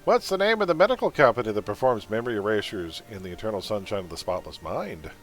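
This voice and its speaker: A man's voice: lowish voice, expressive, fast talker, faint music behind. A man hosting a trivia quiz on a livestream, reading questions and making sarcastic jokes between them.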